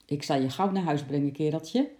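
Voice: mid-range voice, moderate pace, warm tone, close to an everyday voice. A reader doing a friendly young zookeeper. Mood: kindly teasing.

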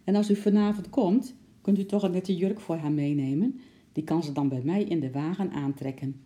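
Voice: medium pitch, moderate pace, dark tone, close to an everyday voice. A reader doing a sad, kindly circus clown. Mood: eager.

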